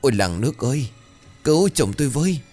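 A panicked wife crying out for help over her stricken husband, voiced by a male narrator. Her voice is raised high and sharp, wailing, with a fast rushed delivery. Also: big pitch swings, husky, faint music behind.

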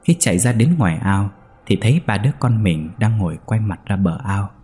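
A man narrating a ghost story in a slow, measured way. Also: fairly low pitch, lively intonation, mellow, husky.

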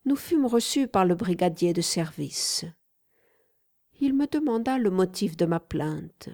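A woman narrating an audiobook in a measured, clear reading voice. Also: lowish voice, animated, darkish tone.

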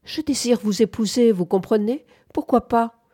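A woman reading the part of a young farmhand who presses his proposal in a tender, quick, insistent way. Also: a little high, mellow, pitched above the performer's own voice, close to an everyday voice. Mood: pleading. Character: young farmhand man, softly insistent suitor.

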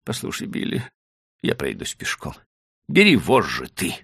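A man reading an audiobook, voicing an excitable, fussy young wife with high, shrill exclamations. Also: measured pace, creaky, breathy edge, no room sound, clean studio sound, heavily acted. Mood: exasperated.

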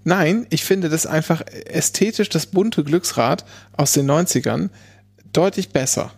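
Man, fairly high pitch, casual podcast talk, hesitant, repeated restarts. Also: unhurried, vocal fry, husky. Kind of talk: casual chat.

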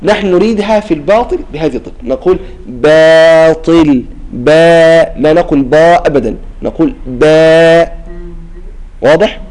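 Guy teaching tajweed class, mellow warm voice, keeps asking the students if it's clear. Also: a little high, expressive, very fast, few pauses, poor audio. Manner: explains and asks "clear?" often, demonstrates pronunciations. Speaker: Quran recitation teacher.

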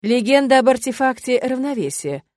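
A woman's voice: high voice, sing-song, moderate pace, darkish tone, no room sound, clean studio sound, voice pushed up. A woman voicing a sly, teasing male demon with an insinuating, playful way of talking, in an audiobook reading. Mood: persuasive.

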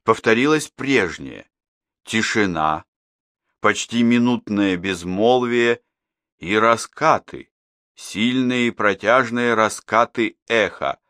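A man narrating an audiobook in a steady, measured reading. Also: fairly low pitch, no room sound, studio quality. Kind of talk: scripted narration.

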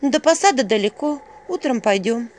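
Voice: medium pitch, animated, moderate pace, darkish tone, voice pushed up, close to an everyday voice. A reader voicing a tired young woman from a fairy tale, polite but worn out. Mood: weary. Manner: polite, exasperated. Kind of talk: audiobook character voice.

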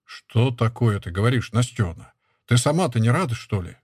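A man reading a bearded, bitter husband in hiding, speaking low, curt and brooding. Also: expressive, moderate pace, darkish tone, breathy edge, no echo, studio quality. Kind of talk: audiobook character reading.

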